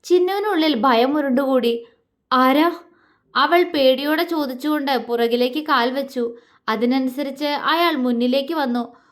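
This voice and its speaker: A woman's voice: high voice, moderate pace. A woman reading a romantic audio story aloud as a storyteller, voicing the lovers' lines herself. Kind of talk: scripted story narration.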